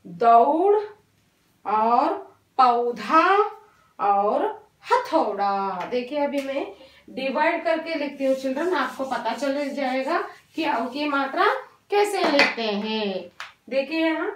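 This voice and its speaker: Woman, primary teacher, high voice, slow drilling delivery, roomy, off-mic sound. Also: animated, distant mic. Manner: patient, repeats and drills words, mixes English into Hindi. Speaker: primary school Hindi teacher. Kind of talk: slow online class lesson. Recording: echoey room, voice off-mic.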